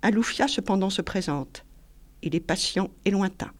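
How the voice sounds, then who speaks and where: Reader: woman, literary excerpt, measured and expressive delivery. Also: medium pitch. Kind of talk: literary reading.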